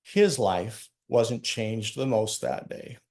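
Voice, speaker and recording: A man telling a heartfelt personal story as a speaker, earnest and emphatic, slowing down to stress his key lines. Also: lowish voice, animated, a little mellow.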